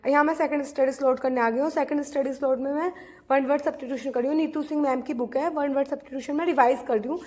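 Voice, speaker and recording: A young Indian woman studying for a teaching exam talks to her viewers in a study vlog, earnest yet casual, full of fillers and restarts. Her high, steady voice moves very fast and has a slightly mellow quality.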